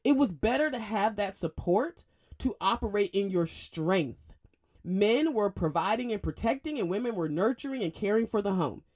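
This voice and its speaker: Emphatic female radio talk host. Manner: emphatic, lively, fast bursts and sudden pitch jumps. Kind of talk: opinionated radio monologue.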